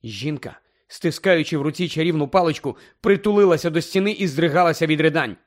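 Audiobook narrator: man, slightly high voice, dramatic and expressive reading. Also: quick pace. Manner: dramatic, shifting tone with the story.

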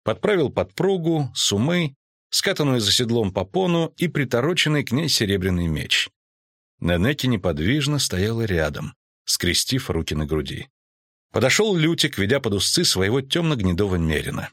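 A man narrating a fantasy audiobook in a measured, even way. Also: mid-range voice, no room sound, studio quality. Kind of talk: scripted narration.

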